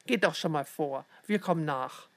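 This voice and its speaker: A woman voicing a small, quick and sharp little girl who talks in quick asides, in a storybook reading. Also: deep voice, gravelly.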